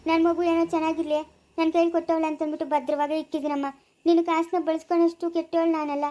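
A woman's voice: very high-pitched, little pitch movement, very fast, mellow. A woman playing a middle-aged village woman who pleads tearfully that she is innocent. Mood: pleading. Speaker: foster caretaker of Sneha. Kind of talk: amateur family drama.

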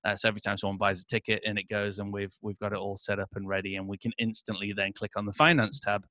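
Low steady guy talking thru his screen share, lots of ums and et ceteras, dry sound. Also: fast, no room sound. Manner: explanatory, many fillers and "et cetera". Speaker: interview guest, agency owner. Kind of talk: casual screen-share walkthrough.

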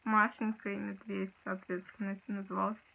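A woman's voice: medium pitch, level tone, moderate pace, vocal fry. A young woman talking casually to introduce her reading, recorded indoors on a phone or camera at arm's length. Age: young adult. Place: small room indoors. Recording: dull, lo-fi sound.

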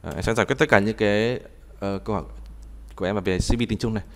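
A man teaching a live online language class, talking haltingly and repeating words as he types and explains. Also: fairly low pitch, fairly even intonation, a bit bright. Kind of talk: live online tutoring session.

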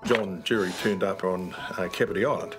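A man slowly and gently telling a family story to a child. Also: deep voice. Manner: slow, gentle storytelling with fillers. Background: background music.

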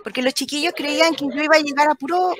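A woman with a Chilean accent, a teacher telling a lively anecdote as a guest on a video call. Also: sits high, quick pace, crowd noise. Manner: animated, acts out the children's voices. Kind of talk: storytelling anecdote in live chat.

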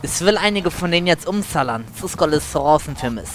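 Man, role-play game voice chat, brash, swears freely, slightly high voice. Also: expressive, a little fast, fairly bright tone, a little hiss or hum. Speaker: roleplay streamer playing his character.

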